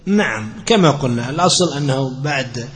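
Teaching Islamic law, a man explains a classical legal text in a lecture, using repeated phrases to stress his points. His medium-pitched voice is fairly bright, lively in intonation and a little fast.

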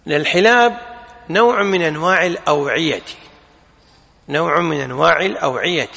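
A man with a fairly high, bright, gravelly voice gives commentary in a hadith lesson, explaining the text in a measured way and slowing down to stress and weigh individual word forms. The sound is muffled, with a long hall reverb.

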